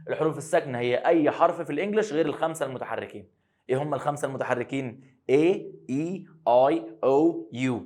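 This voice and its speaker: A man with an Egyptian Arabic accent teaching English grammar to high school students, asking questions and then answering them himself, and slowing down to spell out the English words.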